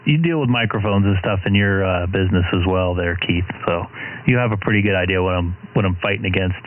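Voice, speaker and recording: Man, low voice, casual livestream host, ham radio operator, halting explanatory talk. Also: narrow, tinny audio, background noise. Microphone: studio microphone through mixer.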